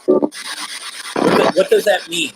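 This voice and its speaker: A man hosting a casual live paranormal session, asking questions in a halting way and repeating words. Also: a little high, huge pitch swings. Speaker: host of a live spirit box session. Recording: noisy, rasping scratchy static behind the voice.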